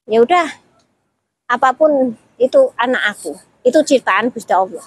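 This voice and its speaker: A woman's voice: on the high side, lively intonation, moderate pace, breathy edge, dry recording, poor audio. A woman, talking casually as an interview guest and retelling her story with quoted dialogue and many restarts. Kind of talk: casual chat.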